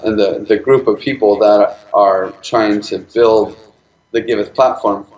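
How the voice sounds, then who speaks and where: A man at a live event, talking quickly and often restarting his sentences. His voice has a middle pitch and carries the echo of a roomy hall. The sound is slightly dull. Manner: fast, with many fillers and restarts. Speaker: speaker presenting his nonprofit project. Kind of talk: live presentation talk.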